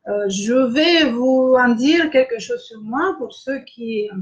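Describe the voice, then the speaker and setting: A middle-aged woman with a Russian accent leads an online masterclass in a slightly high voice. She talks very slowly and hesitantly, filling gaps with drawn-out pauses. The stream audio sounds dull and lo-fi. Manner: slow, hesitant, with many filler pauses, greeting viewers by name. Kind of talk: live-streamed lecture.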